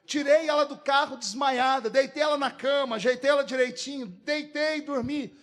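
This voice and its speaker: A man's voice: extremely high pitch, fairly even intonation, moderate pace, fairly bright tone. A man with a Brazilian Portuguese accent, a pastor telling a humorous story in a sermon and acting out the dialogue.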